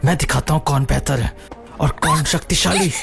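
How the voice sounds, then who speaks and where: A man's voice: on the high side, normal speed, creaky, loud music behind the voice. A male voice actor dubbing an arrogant young bully who threatens boastfully and whines when beaten. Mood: menacing. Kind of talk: Hindi dub of a drama.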